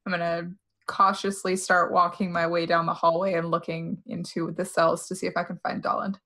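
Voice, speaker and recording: A woman's voice: lowish voice, level tone, fairly quick, sharp tone. A young woman playing a tabletop game in character, dry and sarcastic. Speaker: player.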